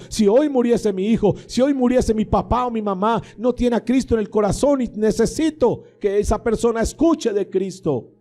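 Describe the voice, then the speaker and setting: A male pastor preaches with fervent, emphatic conviction, slipping into the voices of the people he quotes. His voice sits high for a man yet sounds very dark and mellow. Soft music plays faintly underneath. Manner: impassioned preaching, acting out voices of believers and critics. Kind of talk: sermon.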